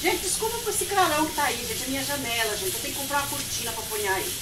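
Talking quickly in a high, lively voice, a middle-aged woman vlogs from her small home kitchen, chatting casually to viewers as she shows her home cooking. Her phone sits partly across the room, so the sound is echoey, with audible sizzling.

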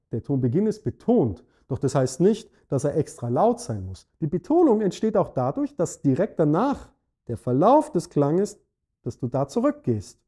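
A man with a German accent, a saxophone teacher giving a scripted lesson in a clear, measured way that speaks straight to the viewer. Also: a little high, warm tone. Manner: clear, measured explaining addressing the viewer directly. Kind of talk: scripted instructional talk.

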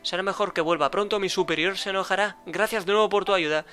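A man's voice: sits high, steady tone, fast talker, sharp tone, soft background music. A man with a Spain Spanish accent voicing an earnest, dutiful male public official in a game, polite and formal.

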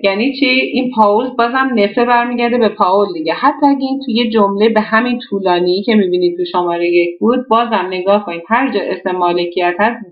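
A woman's voice: mid-range voice, reverberant, highs cut off. A woman teaching a language lesson, explaining an exercise step by step and often asking and answering her own questions. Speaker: German teacher.

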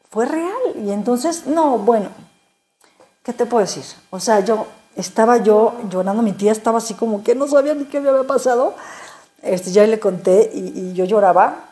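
Woman, interview guest sharing a faith testimony; mellow tone, heartfelt and halting, stumbles over repeated words. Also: medium pitch.

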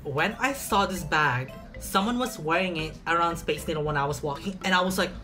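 Fairly high-pitched and fairly quick, the young man talks over loud music while unboxing a bag in a small apartment. His casual chat is sassy and dramatic, with words stretched out for emphasis.

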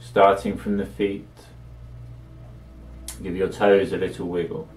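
A man guides a soothing meditation, his low voice flat and a little mellow, giving short instructions separated by long silences. Recorded from afar in an echoey space, it has soft music in the background.

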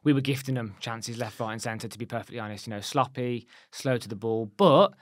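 A man gives quick, emphatic match opinions. He talks fast into a desk mic, and the room sound is dry and close. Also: mid-range voice, dry recording. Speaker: football podcast co-host. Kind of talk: casual post-match chat. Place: small studio with club shirts on the walls. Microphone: desk mic on a boom arm.

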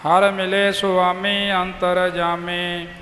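A man reciting scripture in a slow, flat, sing-song chant. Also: high voice. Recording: echoey room with faint music.

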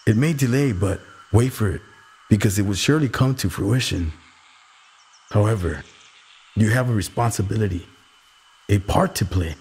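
A man voicing a wise, calm old uncle who gives fatherly advice in a slow, measured way. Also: fairly low pitch, slightly rough, heavily acted.

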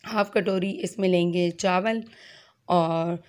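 A woman hosts a casual home cooking tutorial, filmed on a phone in her kitchen, and chats directly to viewers. Her voice is hoarse from a sore throat, fairly low and steady in tone, and slow-paced.

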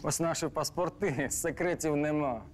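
An actor playing a dignified Georgian father who runs a winery, speaking slowly and deliberately. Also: a little high, slight background noise, close to an everyday voice.

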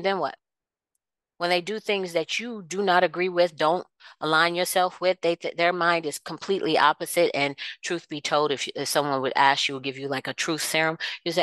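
Low bright-toned woman on a podcast rant, worked up, lots of then what, dry close sound. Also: no room sound. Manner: impassioned, repetitive, rhetorical questions. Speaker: podcast host. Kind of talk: solo opinion rant.

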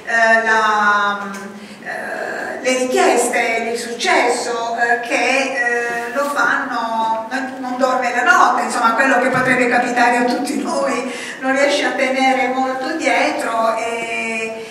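A woman author speaking hesitantly at a book presentation, pausing often with fillers. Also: fairly high pitch, steady tone, pushed and bright. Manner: hesitant, many fillers and pauses. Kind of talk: hesitant public talk. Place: large lecture hall. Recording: echoey hall, distant mic, faint noise.

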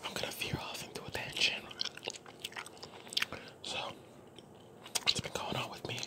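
A young adult woman whispering a casual ASMR ramble while chewing gum. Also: a little slow.

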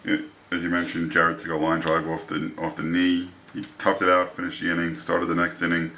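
A man's voice: sits low, completely flat delivery, a little fast, pushed and bright, muffled recording. A man interviewing a coach after a game, reading off stats before he asks each question. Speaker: sports interviewer. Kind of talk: postgame sports interview questions.

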